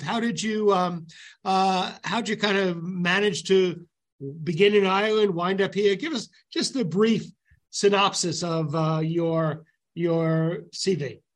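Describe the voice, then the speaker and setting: A man's voice: sits high, measured pace. A man hosting a conversational interview in an enthusiastic, chatty way. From the Bronx, New York. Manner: enthusiastic, chatty, circling phrases. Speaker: radio show host.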